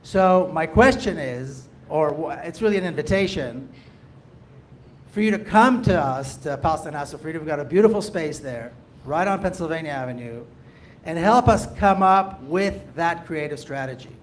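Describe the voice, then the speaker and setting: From the audience, a Jerusalem man who is an activist speaks at normal speed in a slightly high, expressive voice. His comment is impassioned, earnest and emphatic, often circling back to the same phrases, with slight background noise.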